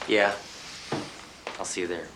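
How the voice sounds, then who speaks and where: An actor playing a protective, insistent young boyfriend in a 1970s TV drama. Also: male voice, deep voice, fairly even intonation, measured pace, noisy background. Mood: concerned.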